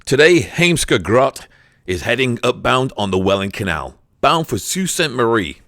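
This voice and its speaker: A man narrating a scripted voice-over in a smooth, even, informative way. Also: mid-range voice, normal speed, dry recording.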